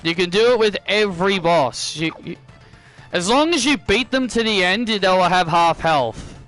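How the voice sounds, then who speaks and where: A man's voice: high-pitched, expressive, normal speed, a bit bright, faint music behind, poor audio. A man giving casual video game commentary, often repeating and rephrasing his own phrases. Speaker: gameplay commentator.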